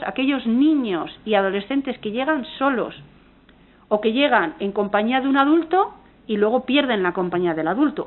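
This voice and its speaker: A Spanish woman with a Spanish accent delivers a university conference lecture, earnest and engaged, often breaking off to correct herself. Her voice sits somewhat high. The sound is thin and narrow, like it came over a phone line. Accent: Spanish from Spain. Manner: earnest, engaged, frequent restarts and self-corrections. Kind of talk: academic conference talk. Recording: tinny phone-like audio.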